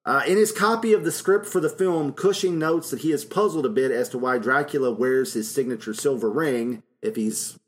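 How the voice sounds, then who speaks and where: A man's voice: medium pitch, normal speed, hardly any pauses. A man co-hosts a casual film podcast. He recaps scenes in a loose, rambling way, full of fillers and small laughs. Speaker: podcast co-host.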